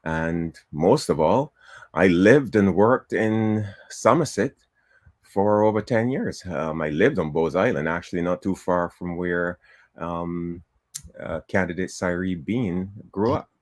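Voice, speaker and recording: A man's voice: low-pitched, slow, a little mellow, dry recording, studio quality. An older man from Trinidad and Tobago, a political candidate being interviewed on a talk show, chatty with frequent ums and easy laughter.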